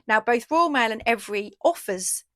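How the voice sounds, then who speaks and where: Chatty woman crafter, slightly high voice. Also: lively intonation, moderate pace, fairly bright tone, dry recording. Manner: chatty, enthusiastic, frequent ooh and fillers. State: losing her voice. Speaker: craft shop owner and vlogger. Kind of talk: casual video update and unboxing.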